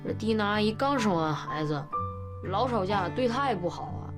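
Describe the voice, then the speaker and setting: A young actor playing a calm, tactful teenage son reasoning with his father in a TV drama. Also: sits high, moderate pace, over music. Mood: earnest. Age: teens. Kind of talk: TV drama acting.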